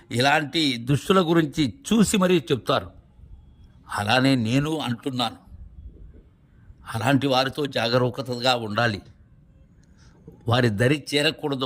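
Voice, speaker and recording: A man's voice: fairly high pitch, a bit bright. A man, a spiritual teacher, explaining verses in a devotional discourse, repeating his points and asking rhetorical questions.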